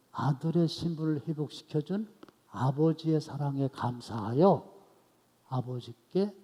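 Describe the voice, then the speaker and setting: A male pastor preaching an expository sermon at an evening church service, telling the story with animated swings between loud outbursts and soft asides. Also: a little high, in a large hall.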